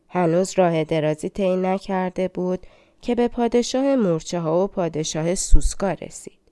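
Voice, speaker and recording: A woman narrating an audiobook of fairy tales in a gentle, colloquial telling style. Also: on the low side, no room sound, clean studio sound. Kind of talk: storytelling narration.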